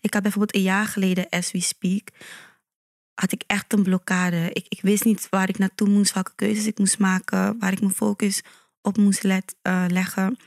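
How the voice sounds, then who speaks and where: Calm woman speaking in a flat tone. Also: mid-range voice, no room sound, clean studio sound. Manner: calm, measured storytelling with frequent affirmations. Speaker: podcast guest. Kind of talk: conversational podcast interview.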